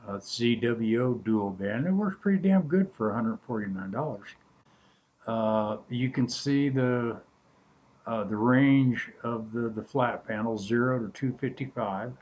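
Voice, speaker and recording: A man giving a casual, halting hands-on tutorial in an informal, laid-back way, recorded on a laptop's built-in microphone with poor sound. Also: mid-range voice, dull audio, slight background noise. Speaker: DIY tutorial host.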